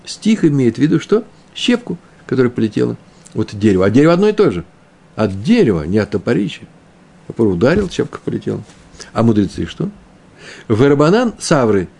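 A man teaching a Talmud lesson, explaining the text aloud, often repeating himself and slowing down on Hebrew terms. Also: mid-range voice, very animated, gravelly, warm tone, slightly rough.

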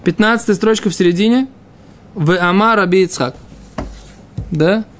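A man's voice: sits high, normal speed, fairly bright tone, a little hiss or hum. A man teaching an informal religious text class, reading and explaining in fragments with frequent checking questions.

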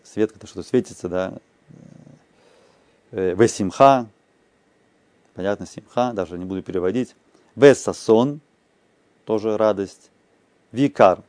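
Low, mellow man teaching slowly. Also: dry recording. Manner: slow, explanatory, chanting phrases aloud and translating. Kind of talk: explanatory lesson.

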